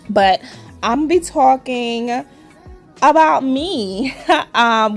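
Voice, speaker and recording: A chatty woman in her forties, her accent a mix of Trinidadian and New York, talks to viewers while doing nails, calling them cuties and saying y'all in a loose, friendly flow. Her voice is a little high and creaky, with soft music faintly in the background.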